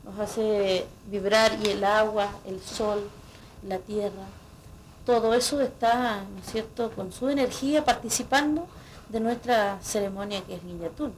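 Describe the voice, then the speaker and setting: A woman's voice: medium pitch, measured pace, a little hiss or hum. Reflective woman explaining patiently. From Chile. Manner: explanatory, reflective, frequent "¿no?" tags. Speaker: guest singer. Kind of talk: radio interview.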